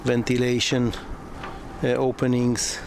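A yacht broker films a slow, hesitant walkthrough of a moored sailboat in a marina, moving between the outdoor deck and below deck. His mid-range voice is creaky and completely flat, and he halts often, filling pauses and restarting sentences. The camera audio is noisy from the outdoors.

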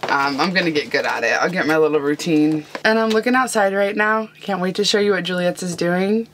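A woman's voice: on the low side, a little fast, a bit bright, a little hiss or hum. A woman vlogger talking casually through her morning routine in a truck camper, easygoing and chatty. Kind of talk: casual morning vlog talk.

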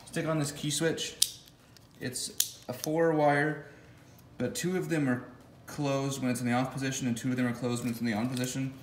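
In a home garage, a man with a medium-pitched voice talks casually through his motorcycle wiring at a normal speed and in a flat manner, thinking aloud with fillers and restarts. He's a vlogger building an electric motorcycle, filmed close on a phone camera, and the sound is roomy with background noise.

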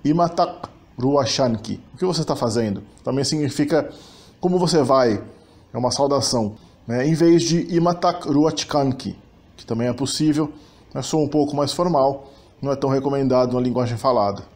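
A man's voice: medium pitch, fairly quick, a little mellow. A man with a Brazilian Portuguese accent, hosting a linguistics channel and explaining grammar step by step, sometimes correcting himself mid-sentence. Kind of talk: explanatory language lesson.

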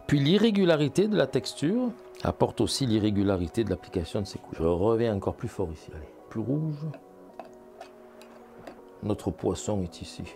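A man's voice: on the low side, big pitch swings, normal speed, creaky, warm tone. A man, a painting instructor talking casually as he demonstrates, thinking aloud and checking in with viewers. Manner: chatty, thinks aloud, addresses viewers with "hein" and "vous voyez".

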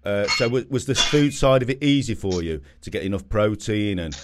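An older man hosting a casual interview, asking long, rambling questions and telling animated stories, into a studio mic in an indoor home gym. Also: lowish voice, brisk, background noise. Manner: chatty, animated storytelling questions. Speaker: podcast host, gym owner. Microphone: studio condenser mic with headphones.

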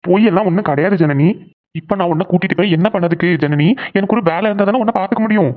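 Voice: medium pitch, rapid-fire, dry recording, close to an everyday voice. A performer voicing a worried young man in a cartoon who soothes and coaxes his tearful sweetheart. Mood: soothing. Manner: soothing, coaxing. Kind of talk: cartoon voice acting. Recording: dry, tinny phone-like sound.

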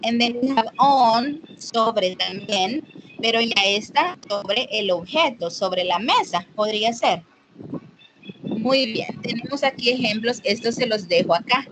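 A woman's voice: on the high side, lively intonation, a little slow, background noise. A woman with a Salvadoran Spanish accent teaching an English class over a video call, switching between Spanish and English and questioning students. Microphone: computer mic on a video call.

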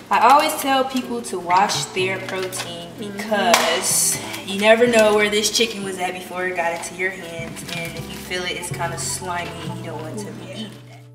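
A woman chef giving a step-by-step cooking demonstration in a home kitchen. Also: fairly low pitch. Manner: instructive, step-by-step. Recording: roomy distant camera audio with loud music. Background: loud background music.

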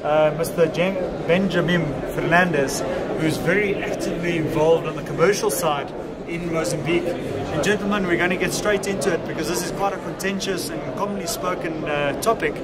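A man's voice: a little high, a little fast. A middle-aged man conducting a formal interview in a wordy, emphatic way. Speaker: event interviewer. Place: indoor conference interview booth. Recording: loud trade show floor noise.

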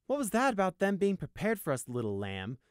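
Man doing a loud cocky unicorn guard, pitched up, lively. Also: normal speed, no echo, studio quality. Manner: cocky, then indignant. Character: brash, righteous male unicorn guard.

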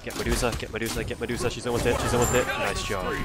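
A man giving chatty, casual gameplay commentary, getting excitable during fights. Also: mid-range voice, very fast. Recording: voice over loud game music.

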